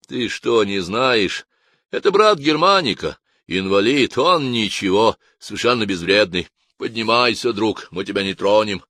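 A man reading an audiobook voices a gruff, cheerful palace soldier who talks loudly and roughly. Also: on the low side, lively intonation, a little slow, dry recording. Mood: reassuring. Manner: loud, rough and jovial. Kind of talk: audiobook character voice.

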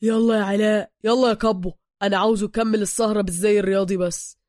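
A woman voicing a gruff male checkpoint thug with a gravelly voice and slow mocking speech. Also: medium pitch, fairly even intonation, darkish tone, no room sound, clean studio sound, lightly acted.

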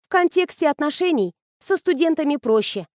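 A woman's voice: sits high, brisk, dry recording, clean studio sound, pitched above the performer's own voice. A woman reading the lines of a shy, smitten young woman student in an audiobook. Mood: flustered. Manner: bashful, flustered, excited.

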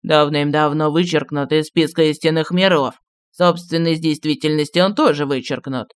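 Мужчина-чтец аудиокниги озвучивает старого маршала в отставке, неторопливого и ворчливого, который вспоминает былое. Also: male voice, steady tone, clean tone, no room sound, studio quality, lightly acted. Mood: reminiscing. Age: older. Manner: slow, low, grumbling reminiscence. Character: old retired marshal, gruff, nostalgic, secretive.

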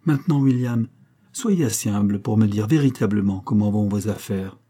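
A man's voice: on the low side, moderate pace, warm tone, lightly acted. A man reading an audiobook, voicing a frank, curious young heiress with a slightly raised tone. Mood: questioning. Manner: frank, questioning.

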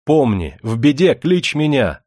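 A man voicing a bold young outlaw hero who calls out ardently and forcefully. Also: medium pitch, animated, a little fast, slightly rough, dry recording, clean studio sound, pitched above the performer's own voice. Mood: ardent, commanding.

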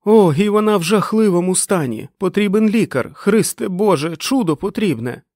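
A rough, excited man, played by a male narrator bellows his urgent words in a raised voice. It is an audiobook read in a dry, close sound. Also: sits high, moderate pace, no echo, pitched above the performer's own voice. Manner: loud urgent shouting. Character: rough excited man yelling over engines.

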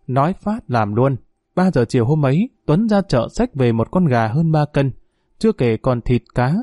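Male audiobook narrator, measured, mellow, dry studio sound. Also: mid-range voice, expressive, dry recording. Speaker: storyteller.

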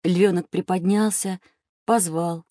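A woman calmly narrating a children's audio drama. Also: on the low side, takes it slowly, dry recording, clean studio sound.

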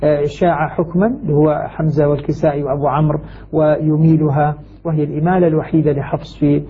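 A man teaching Quranic recitation rules in a measured scholarly way, with hesitant fillers and repeated key words. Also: a little high, flat delivery, slight background noise. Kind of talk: scholarly explanation. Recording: tinny phone-like sound.

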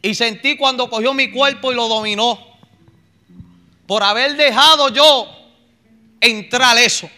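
A man's voice: very high-pitched, measured pace, long pauses, bright, forceful tone. A man preaching a fervent, emotional testimony in a pleading manner. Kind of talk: sermon testimony.

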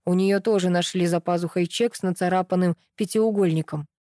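A level-headed male police officer in an audiobook, voiced by a woman reader. He reasons in a calm, matter-of-fact way. The tone is mellow and dark, and the recording is close and dry. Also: fairly low pitch, fairly quick, dry recording, natural voice. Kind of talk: audiobook dialogue reading.

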